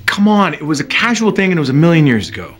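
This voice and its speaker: An actor playing a defensive, exasperated husband who pleads and protests, in a TV drama scene with soft music behind. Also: male voice, on the high side, sing-song, racing. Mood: pleading. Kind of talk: TV drama acting. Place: indoor home dining room.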